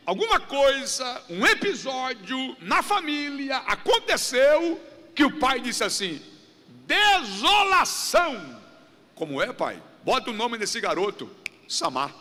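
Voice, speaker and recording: A man's voice: high voice, pushed and bright. A Brazilian man preaching a sermon in a church, repeating refrains and acting out little dialogues as he talks. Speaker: guest preacher. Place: church sanctuary. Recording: church hall reverb.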